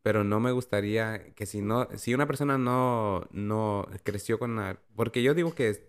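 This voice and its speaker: A man talking in a casual conversation, halting and hesitant, with some English words mixed into his Spanish. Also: on the low side, clear, resonant tone.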